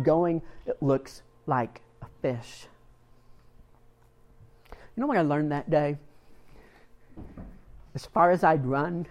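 A male pastor preaching a sermon, telling a personal story in an earnest, storytelling manner, often repeating words as he gets moved. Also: fairly high pitch.

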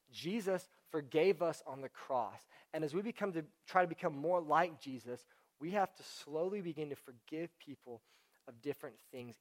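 A young man giving a casual sermon, talking conversationally with many fillers. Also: on the high side. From Houston area, United States.

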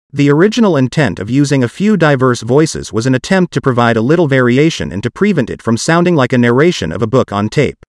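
A man's voice: medium pitch, darkish tone, no echo, studio quality. A man's computer-generated voice, like an old speech synthesizer, hosting a podcast with scripted, machine-like narration. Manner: evenly articulated, machine-like reading. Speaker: podcast host.

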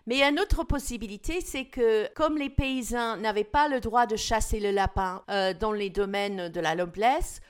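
A woman's voice: mid-range voice, normal speed, hardly any pauses, clear, resonant tone. Chatty woman hosting a cooking talk. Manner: chatty, explanatory, frequent fillers. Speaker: host. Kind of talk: casual cooking chat.

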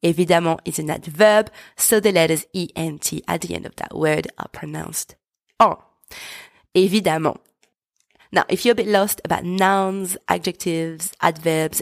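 A woman in her thirties hosting a podcast pronunciation lesson, speaking clearly and patiently and slowing down to model each word. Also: fairly low pitch, no room sound, studio quality. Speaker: French teacher and podcast host.

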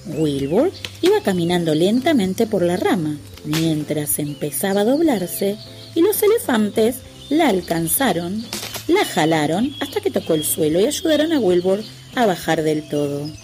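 Expressive woman reading a children's tale. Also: lowish voice, measured pace, faint music behind. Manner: expressive, lilting. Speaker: storyteller.

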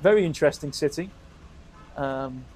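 A man's voice: fairly high pitch, moderate pace, darkish tone. Upbeat man telling travel stories. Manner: rambling, upbeat, with restarts. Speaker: podcast co-host. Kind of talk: casual travel storytelling.

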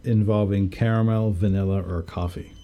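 A man's voice: on the low side, steady tone, moderate pace, dark tone. A man co-hosting a podcast, joking in a laid-back, casual chat with his partner. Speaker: podcast co-host.

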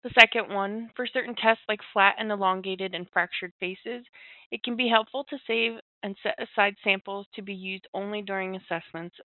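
A woman guest reading prepared tips in a clear, steady way. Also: medium pitch, no echo. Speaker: staff guest sharing tips. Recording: dry, tinny, phone-like line.

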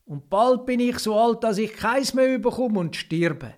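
A man's voice: extremely high pitch, animated, a little slow, voice pushed up. A man voicing a sad, weary old patriarch in a children's Bible story.

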